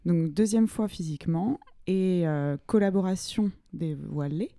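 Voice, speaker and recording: A woman's voice: lowish voice, unhurried, creaky, dark tone, no echo, studio quality. A woman co-hosting an interview, guiding the talk and explaining things for the listeners. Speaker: podcast co-host. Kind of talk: casual interview chat.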